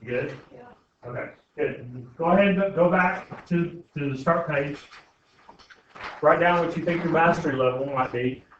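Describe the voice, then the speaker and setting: An algebra teacher with a fairly high-pitched voice speaks unhurriedly in an informal lesson built around questions to students, frequently checking they understand. The indoor classroom is very echoey and noisy, and the distant mic sounds muffled.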